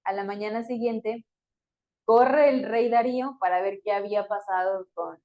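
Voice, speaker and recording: A woman's voice: medium pitch, steady tone, normal speed, a little mellow. A woman teaching a Bible story in a conversational way, with fillers and small laughs between phrases. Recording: dull lo-fi recording.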